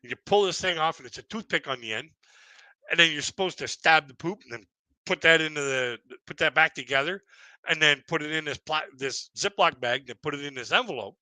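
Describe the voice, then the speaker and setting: A man's voice: fairly high pitch, fairly quick, pushed and bright, no echo. A man in his fifties doing casual stand-up comedy on a live stream, rambling and chuckling at his own jokes. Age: 50s.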